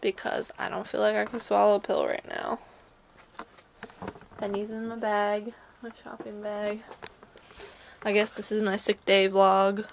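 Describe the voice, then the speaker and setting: Stuffy-nosed, creaky woman, sick at home. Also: medium pitch, level tone, measured pace, pauses often, noisy background. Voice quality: stuffy, congested nose. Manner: rambling, soft-hearted talk to pets and objects. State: sick with sore throat. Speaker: vlogger. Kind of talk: casual chat to camera, sick day vlog. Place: at home in a bedroom.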